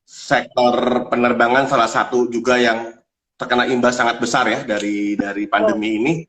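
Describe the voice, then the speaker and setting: A man's voice: mid-range voice, flat delivery, moderate pace, a bit bright. A man hosting a casual, chatty interview. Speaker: interviewer, host.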